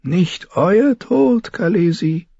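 Male reader doing a sharp, proud sorceress-healer in an audiobook: high, husky and slow, knowing and ominous. Slightly dull recording. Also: no echo. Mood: ominous, solemn.

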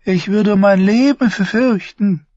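A man voicing a fussy, nervous eunuch spymaster in a high, breathy voice in an audiobook. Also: slow, darkish tone, no room sound, dull audio. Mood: simpering. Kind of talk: audiobook character voice.

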